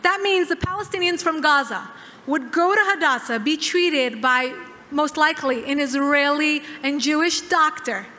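A woman in her thirties giving a formal keynote speech at a podium, measured and emphatic with dramatic pauses. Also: high-pitched, pushed and bright. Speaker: keynote speaker. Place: large dark hall, at a podium. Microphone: podium microphone. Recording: hall reverb.

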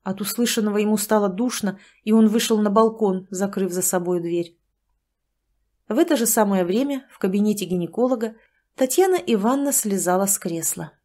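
A woman narrating a humorous audiobook in a lively storytelling voice, with a few small slips. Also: mid-range voice, brisk.

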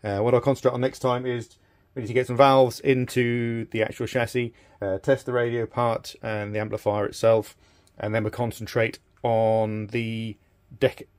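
A middle-aged radio restorer speaks at normal speed in a darkish, mid-range voice with little pitch movement, and no echo. Seated at a bench in a small indoor workshop, he presents a repair video with casual, hesitant commentary, thinking aloud.

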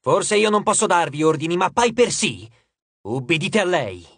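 A man voicing a serious teenage girl who speaks in a severe, steady tone in an audiobook. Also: sits high, moderate pace, slightly rough, no room sound, heavily acted. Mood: stern. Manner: severe, hesitant at times.

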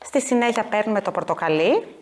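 A kindergarten teacher, a woman, telling a story to young children in an expressive, animated way. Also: medium pitch.

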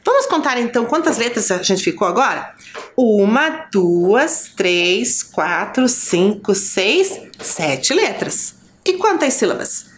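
Brazilian lady teacher talking to little kids, bouncy up-and-down voice, slow counting, bit of noise behind. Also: medium pitch, very animated. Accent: Brazilian Portuguese. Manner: slow, sing-song counting and spelling for young pupils. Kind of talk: children's lesson on a school TV channel.

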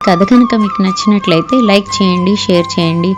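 A woman narrating a story in a lively, expressive reading as the channel's storyteller. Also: medium pitch, moderate pace, over music.

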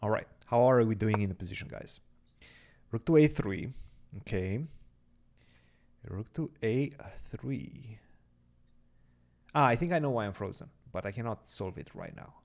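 A young chess commentator calls a game live in a loose, chatty stream, thinking aloud as each move arrives. His slightly low voice has a gravelly fry at phrase ends, with lively intonation, a somewhat slow pace and frequent pauses.

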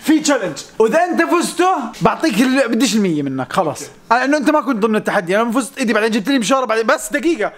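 A young man with a Levantine Arabic accent in animated casual banter, often repeating himself. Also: extremely high pitch, racing, few pauses. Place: living room. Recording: group chatter behind, slightly distant.

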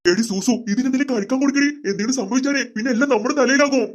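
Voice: sits high, very fast, lo-fi sound, very noisy. A voice actor playing characters in a comic sketch, pleading and scolding. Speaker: comedy sketch performer voicing several characters. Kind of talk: comic family sketch acting.

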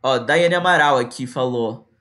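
A man's voice: medium pitch, measured pace, bright, forceful tone. A young man from Brazil, teaching a casual live online English lesson and mixing in English examples.

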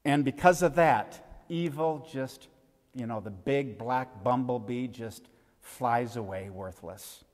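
A man, a pastor, giving a funeral sermon and telling a gentle story to the children. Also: medium pitch, slow. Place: church sanctuary. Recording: reverberant church hall.

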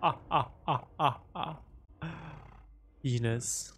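A man's voice: medium pitch, takes it slowly, a bit bright, a little hiss or hum. A man streaming a game and talking through a demonic, layered voice-changer effect. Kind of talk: casual live game-stream chat.

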